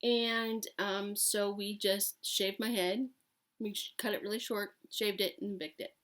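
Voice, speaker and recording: A woman in her late thirties chatting casually and candidly to camera, rambling and emphatic, with a raspy voice like a longtime smoker's. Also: medium pitch, fairly even intonation, unhurried, a bit bright. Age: late thirties, almost forty. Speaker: vlogger talking to camera.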